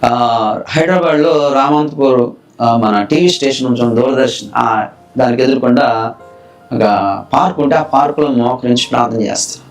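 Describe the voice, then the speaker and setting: A man's voice: mid-range voice, moderate pace, long pauses. A man from Andhra Pradesh giving an earnest, emotional personal testimony of his conversion. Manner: earnest, emotional retelling with acted quotes. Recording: distant mic with soft background music.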